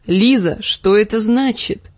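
A woman voicing a calm, scheming middle-aged lord who speaks slowly and soothingly. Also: mid-range voice, no echo. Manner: slow, measured, soothing.

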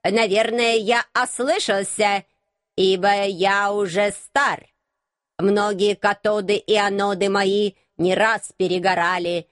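A woman's voice: mid-range voice, dry recording, clean studio sound, lightly acted. Woman voicing a metallic grating old robot abbot. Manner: slow, solemn pronouncements. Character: old male robot abbot, solemn and slow. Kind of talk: audiobook character reading.

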